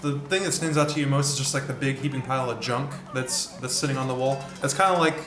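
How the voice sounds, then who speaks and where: Male game master, middle pitch, loose rambling narration, echoey room sound. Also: fast, music in the background. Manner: rambling, many fillers and restarts.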